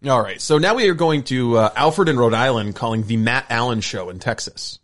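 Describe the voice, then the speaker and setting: Male co-host, mid register, casual and matter-of-fact, slightly halting. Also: mid-range voice. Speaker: co-host introducing calls. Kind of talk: casual chat.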